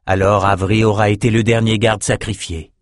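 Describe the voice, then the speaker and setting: A man's voice: on the low side, level tone, fairly quick, no echo, clean studio sound, close to an everyday voice. A man voicing an earnest, determined young woman adventurer in an audiobook, persuasive in tone. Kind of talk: audiobook character voice.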